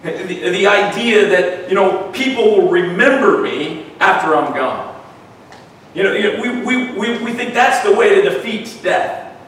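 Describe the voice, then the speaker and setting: At a worship gathering in a large, echoey room, a man delivers a conversational sermon in a weak, thin, rather high voice with a fairly bright tone. He's animated yet unhurried, often doubling back on words and tagging points with a questioning "right?". The distant mic picks up heavy echo and faint noise.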